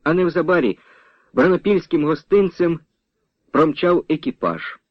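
A man narrating a literary story in a measured, expressive reading. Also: mid-range voice, no echo. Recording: dull, dry old radio recording.

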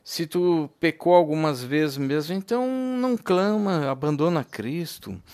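A man preaching an informal sermon, impassioned, swinging from loud to hushed, calling his listeners brothers and laughing between points. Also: a little high, lively intonation, a little slow, no room sound.

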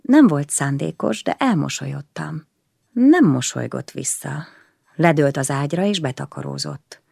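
A woman reading a novel aloud in the first person, quiet and introspective. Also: low-pitched, lively intonation, gravelly, husky, no echo, studio quality. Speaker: audiobook narrator.

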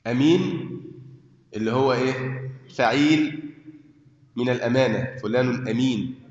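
A man's voice: medium pitch, normal speed. A man with an Egyptian accent teaching a religious lesson, explaining by asking and answering his own questions and checking that listeners follow. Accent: Egyptian Arabic. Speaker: sheikh teaching a hadith book. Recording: echoey hall, dull lo-fi sound.

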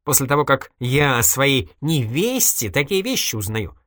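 A man's voice: medium pitch, very animated, moderate pace, a bit bright, no echo, studio quality, voice pushed up. A reader voicing an evasive, wisecracking male journalist in an audiobook, ironic and mock-innocent. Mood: wry. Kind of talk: audiobook character voice.

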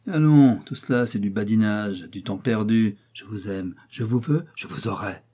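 A man reading aloud and voicing a predatory aristocratic count who speaks in a low, possessive, gloating way, with a husky, dark voice. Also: steady tone, moderate pace.

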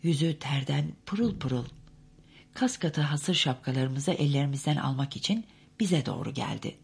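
A woman narrating a novel as an audiobook, measured and expressive. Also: deep voice, gravelly, slightly rough.

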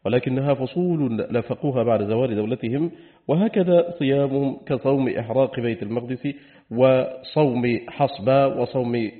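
Fast-reading man, tinny phone-like sound. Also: medium pitch. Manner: steady, formal reading voice. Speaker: audiobook reader. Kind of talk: formal reading of a classical book.

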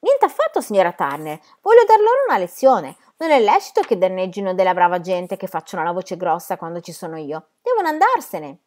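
A woman's voice: on the low side, big pitch swings, fairly quick, few pauses. A woman reading a novel aloud, voicing a brash, commanding man who throws out troublemakers. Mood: forceful. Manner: loud, commanding. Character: rowdy brash man defending the owner.

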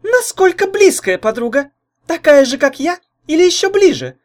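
A man reading an audiobook, voicing a tall, jealous, spiteful young woman who shrieks very high and loud. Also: very animated, normal speed. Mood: mocking. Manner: shrill, screeching, spiteful.

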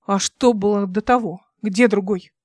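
A woman's voice: mid-range voice, steady tone, normal speed, darkish tone, no echo, clean studio sound, lightly acted. A woman reading an audiobook voices a young male captain who speaks in a clipped, insistent way. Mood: tense.

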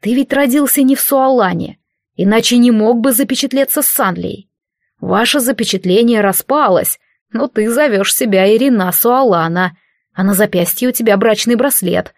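Woman reading icy young prince, slow quiet menace, close dry read. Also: fairly high pitch, dry recording, lightly acted. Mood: accusing.

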